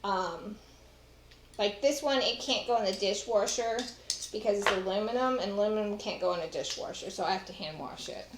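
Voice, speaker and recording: Brisk and medium-pitched, a middle-aged woman with a Texas accent chats to viewers as she demonstrates a recipe in her home kitchen for a casual cooking show. A far camera records her, with background noise, echo and clattering dishes.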